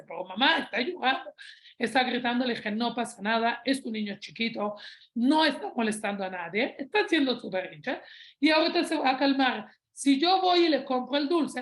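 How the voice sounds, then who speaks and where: A woman's voice: fairly high pitch, a bit bright, roomy sound. Mexican woman telling a parenting story. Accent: Mexican Spanish. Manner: conversational, checks in with "¿ok?". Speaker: parenting speaker. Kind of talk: parenting talk with anecdotes.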